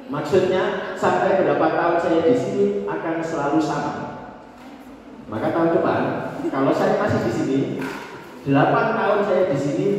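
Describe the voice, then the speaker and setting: A man's voice: on the high side, a little mellow, slight background noise. A priest in his forties giving an informal, reflective birthday speech into a handheld mic, telling a story and working through numbers aloud. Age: 40s. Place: large church hall with tiled floor. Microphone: handheld microphone, filmed from far. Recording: echoey hall from far off.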